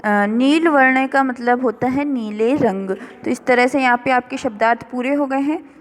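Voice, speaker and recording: A woman teacher goes through a revision lesson at an unhurried pace, spelling words out piece by piece. Her voice sits a little high and carries a long reverb from the room around her. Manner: slow, careful word-by-word explanation. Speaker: school teacher. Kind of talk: recorded classroom revision lesson.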